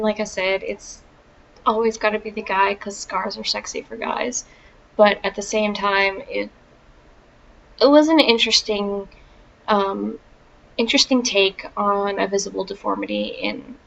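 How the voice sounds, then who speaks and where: Gravelly-voiced woman casually reviewing a book. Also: medium pitch, measured pace, fairly bright tone. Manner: chatty, wry, frequent ums and asides. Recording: dull lo-fi sound with faint noise.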